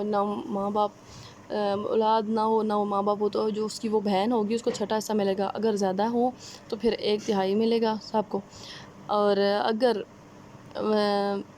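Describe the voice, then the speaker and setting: A woman with a Pakistani Urdu accent giving a conversational exam-prep lecture, often pausing with fillers and checking-in tags. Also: medium pitch, darkish tone, slight background noise. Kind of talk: explanatory lecture.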